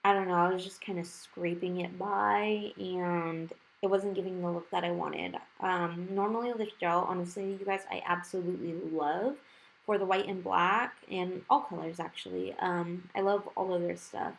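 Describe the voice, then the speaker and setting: A woman's voice: lowish voice, fairly even intonation, normal speed, gravelly, a little hiss or hum, poor audio. A woman with a lisp that slurs her s sounds, talking in a casual, rambling way as she narrates a nail tutorial. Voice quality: lisp with slushy s sounds from new dental work. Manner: chatty, rambling, informal. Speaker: nail art video creator. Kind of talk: casual chatty tutorial voice-over. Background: music.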